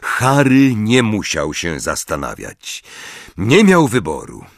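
Slow, dramatic male audiobook narrator. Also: fairly low pitch, sing-song, dry recording, clean studio sound. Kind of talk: scripted narration.

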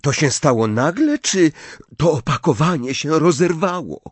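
A man voicing a distraught teenage schoolgirl who talks in a high, tearful, pleading way. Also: animated, a little slow, breathy edge, no echo.

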